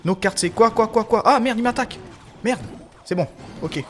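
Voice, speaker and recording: Man, somewhat high-pitched, casual gameplay commentary, hesitant, restarts often, excitable. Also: normal speed, a little hiss or hum. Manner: hesitant, many fillers and restarts, excitable outbursts. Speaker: gaming YouTuber.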